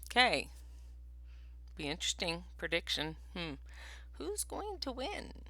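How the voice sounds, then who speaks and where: Expressive, lively woman teacher reading aloud. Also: lowish voice, slow. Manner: expressive, asks the class questions. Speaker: first grade teacher. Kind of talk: reading a picture book aloud to a class.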